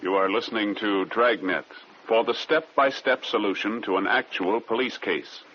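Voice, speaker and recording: A man with a husky voice announcing a vintage radio show in a formal, measured style. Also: fairly low pitch, a little hiss or hum. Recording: dull vintage radio recording.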